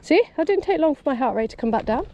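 A woman's voice: sits high, lively intonation, fast talker, dull audio. A woman cycling on country roads who chats casually to an action camera on her bike and is breathing hard from the climb. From Wales. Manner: chatty, self-commenting, laughs at herself. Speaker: cycling vlogger. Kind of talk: casual talk while riding. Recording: outdoor camera with wind and road noise. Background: passing traffic and wind.

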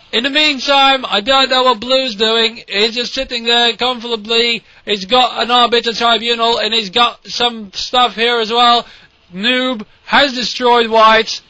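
Excitable high-voiced male game commentator. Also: no echo, lo-fi sound. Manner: excitable, sarcastic, swears, mocks players. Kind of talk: casual replay commentary.

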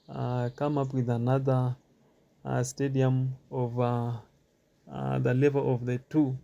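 Slow, halting man outdoors. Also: mid-range voice, gravelly, mellow. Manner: halting, many filler pauses and repeats. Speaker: tour guide. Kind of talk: walking stadium tour narration. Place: outdoors in a stadium.

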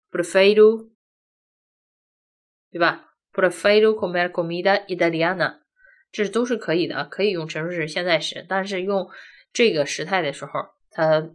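A woman teaching a grammar lesson, walking through each point step by step and often asking rhetorical questions. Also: lowish voice. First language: Chinese. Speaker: language teacher. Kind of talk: classroom-style grammar lesson.

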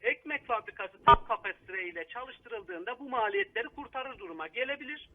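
A city council member speaking over the phone in a live interview, critical and hesitant with frequent fillers. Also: male voice, very high voice, animated, a little fast. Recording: tinny phone line.

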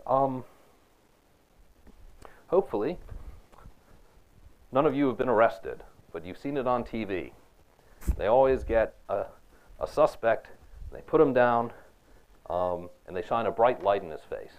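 In a dull lo-fi recording of a university lecture, a man teaches philosophy conversationally, often checking in with "right?" and posing questions to students. His mid-range voice is expressive and a little slow, with long pauses.

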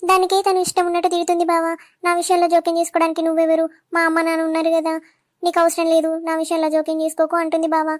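A woman voices a weepy young wife in a comedy skit, her voice pitched extremely high and kept flat. She whines and pleads quickly in Telangana Telugu. The sound is close and dry. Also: dry recording. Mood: hurt, complaining. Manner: whiny, complaining, pleading. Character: sulky weepy young wife, easily hurt.

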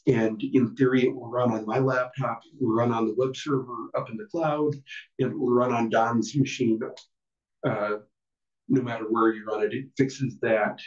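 A man giving a casual technical presentation to a user group. He talks haltingly, with many fillers and self-deprecating asides. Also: mid-range voice, fairly even intonation. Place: meeting room with an audience. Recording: distant, roomy, dull room recording.

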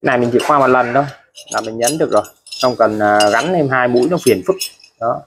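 Talking fast in a mid-range voice with vocal fry, a used tool seller goes item by item through his stock in a casual showcase. He restates each price, chatty and repetitive, ending phrases with friendly particles, while a faint noise hums underneath.

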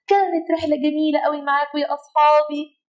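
High sing-song Egyptian woman teacher. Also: flat delivery, dull audio. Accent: Egyptian Arabic. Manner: sing-song, drawn-out letter sounds, cheerful praise. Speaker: kindergarten Arabic teacher. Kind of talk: children's phonics lesson.

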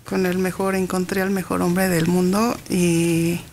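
A woman in her fifties with a Mexican accent, a guest on a radio show, talking softly and haltingly with many fillers. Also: fairly low pitch, flat delivery, slight background noise. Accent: Mexican Spanish. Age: 50s. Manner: soft-spoken, hesitant with many fillers. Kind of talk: casual radio interview. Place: radio studio.

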